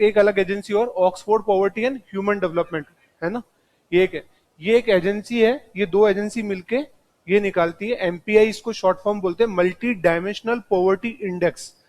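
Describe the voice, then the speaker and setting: A man's voice: sits high, fairly even intonation, moderate pace. A man teaching a live classroom lecture, speaking straight to his students and mixing in English terms.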